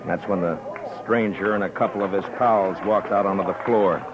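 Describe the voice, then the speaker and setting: An actor playing a steady, stubborn frontier marshal who also narrates a 1950s radio western. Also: male voice, lowish voice, a little fast, lightly acted. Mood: somber narration. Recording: dull old radio recording, music behind.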